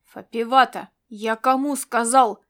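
A woman's voice: fairly high pitch, fairly even intonation, moderate pace, fairly bright tone, natural voice. A woman voicing an angry male military commander who snaps curt orders. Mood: barking.

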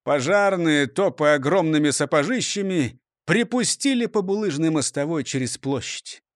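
A man reading a children's storybook aloud in an expressive, animated way. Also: a little high, normal speed, dry recording, studio quality.

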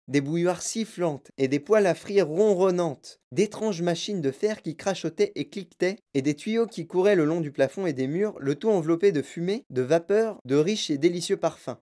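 Mellow-voiced storybook narrator. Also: medium pitch. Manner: calm, even, descriptive reading. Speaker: audiobook narrator.

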